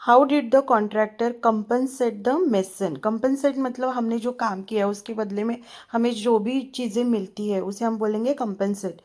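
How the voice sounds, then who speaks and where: A woman teacher going through an English lesson, slowly reading questions aloud and then explaining them in quick Hindi to her students. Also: on the high side, a little mellow. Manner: addresses students as children.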